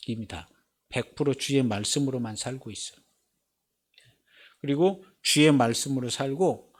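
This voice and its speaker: A male pastor preaching a sermon in a church, emphatic, with rhetorical questions and repeated phrases. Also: on the high side. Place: church sanctuary.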